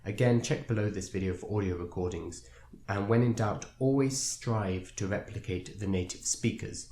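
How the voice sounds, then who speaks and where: Male teacher, patient explanatory narration, low voice, roomy echoey sound. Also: mellow. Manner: patient, explanatory, with occasional filler pauses. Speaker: language teacher. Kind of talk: instructional video narration. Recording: roomy echo.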